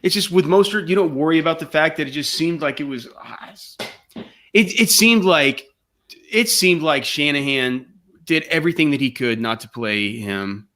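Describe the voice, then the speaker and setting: Man, podcast co-host, forceful bright voice, rambling, profane, casual. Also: on the high side, lively intonation, moderate pace. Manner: rambling, profane, restarts often. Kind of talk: casual sports chat.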